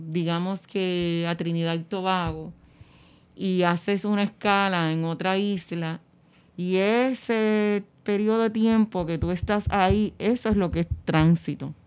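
A woman explaining things in an interview, haltingly and searching for words. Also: medium pitch, clear, resonant tone.

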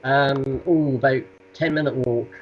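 A man's voice: medium pitch, fairly even intonation, measured pace. A man with a Norfolk accent, giving a casual interview as a podcast guest over a remote call. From Norfolk, England. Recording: dull, noisy remote call line.

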